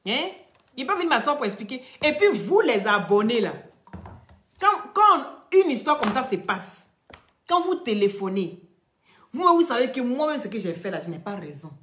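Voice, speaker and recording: A woman's voice: high voice, fairly bright tone, roomy sound. A woman hosting a live video, speaking straight to her followers in an emphatic, lecturing way. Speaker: social media live-stream host.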